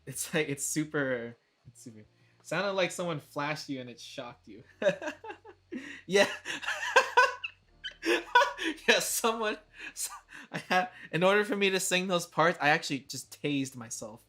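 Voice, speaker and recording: A man's voice: a little high, expressive, moderate pace, fairly bright tone. A young man streaming casually, chatty, laughing often and swearing now and then. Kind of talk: casual livestream chat.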